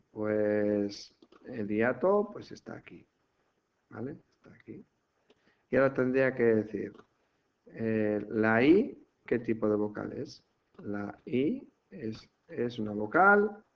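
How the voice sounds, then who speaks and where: Male teacher, patient step-by-step lesson, mid-pitched voice, slightly dull recording. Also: vocal fry, slight background noise. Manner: patient, explains step by step, checks in often with "¿vale?". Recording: muffled lo-fi home recording.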